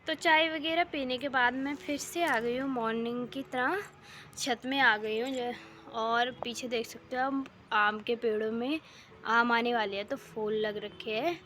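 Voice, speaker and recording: A woman's voice: a little high, fairly even intonation, unhurried, bright, forceful tone, a little hiss or hum. A young woman chatting casually in a rambling daily vlog, her throat a bit sore, talking into a handheld phone on a rooftop. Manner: chatty, rambling, full of fillers. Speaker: vlogger. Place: home rooftop, outdoors. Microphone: phone held in hand.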